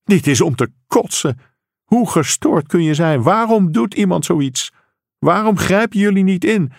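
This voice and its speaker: A man voicing an enraged middle-aged father who shouts and swears at a policeman. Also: medium pitch, normal speed, vocal fry, dry recording, clean studio sound, voice pushed up, natural voice.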